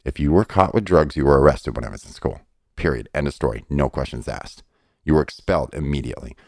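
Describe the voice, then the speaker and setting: A middle-aged man with a very low, vocal-fried voice argues fast, casually and insistently, blunt in his opinions and free with profanity. The recording is very dry with no echo.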